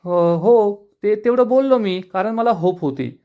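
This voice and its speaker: Sheepish young husband, caught lying, pleading excuses, high voice, read by a man. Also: lively intonation, a little slow, muffled recording.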